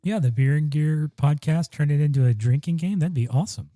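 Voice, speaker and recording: A podcast co-host with a slightly high, dark-toned voice chats casually and fairly quickly on a broadcast dynamic studio mic. He rambles, with many ums and restarts, and there's no room sound.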